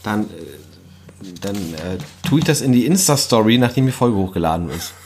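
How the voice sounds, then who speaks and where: Low-voiced german podcast dude joking around with his buddy, slight hiss behind. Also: expressive, normal speed, darkish tone. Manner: joking, teasing, laughs often. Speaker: podcast co-host. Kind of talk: casual podcast chat.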